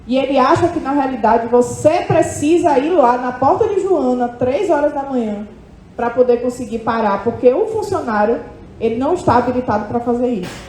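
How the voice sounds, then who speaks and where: A woman psychologist giving an animated seminar talk to an audience, often checking in with quick tag questions. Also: high voice, a little hiss or hum. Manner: animated, lively, questioning "tá?" tags. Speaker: psychologist speaking at a condo managers' event. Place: hotel event hall with audience. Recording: echoey hall.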